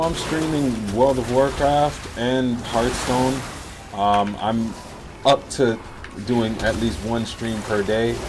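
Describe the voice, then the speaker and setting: A livestreamer from Miami, Florida, in the United States, chats in an easygoing, casual way as he gives live gaming commentary. His voice sits at medium pitch, with background noise, music and game sounds behind him.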